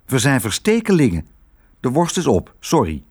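A man voicing a cheeky, lively young male mouse in a storybook reading, raised and quick. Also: mid-range voice, breathy edge, no echo, clean studio sound. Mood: chirpy.

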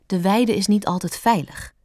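A woman voicing a gentle, calm mother deer in a storybook reading, speaking softly and reassuringly. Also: normal speed, no echo, studio quality, close to an everyday voice. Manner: soft, lower and reassuring.

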